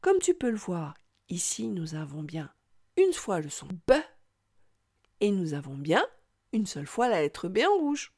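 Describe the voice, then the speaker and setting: A woman's voice: fairly low pitch, very animated, a little mellow. A woman giving a scripted reading lesson for young children, patient and sounding out each syllable with exaggerated care. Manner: slow, patient, sing-song, exaggerated pronunciation. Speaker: teacher.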